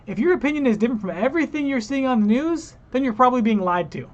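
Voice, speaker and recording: A man's voice: very high-pitched, lively intonation, fast talker, muffled recording. A man hosting a reaction video, ranting heatedly and talking straight to his viewers. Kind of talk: casual reaction commentary.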